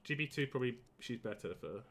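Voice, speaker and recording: A man live-streaming a game in casual, rambling and halting chat, wheezy and short of breath with a cold. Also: mid-range voice, animated, fairly bright tone.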